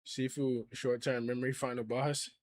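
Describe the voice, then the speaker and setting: A man's voice: mid-range voice, little pitch movement, normal speed, darkish tone. Slangy young man chatting on stream. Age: 20s. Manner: slangy, reacts to and reads out viewer chat. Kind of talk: casual livestream chat.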